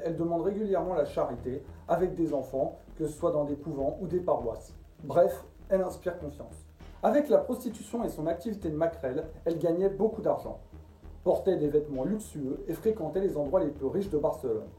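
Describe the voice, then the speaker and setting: Muffled, very dark-voiced man narrating in a roomy space. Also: a little high. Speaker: storyteller, channel host. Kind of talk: scripted true-crime narration. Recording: roomy echo, distant from the mic.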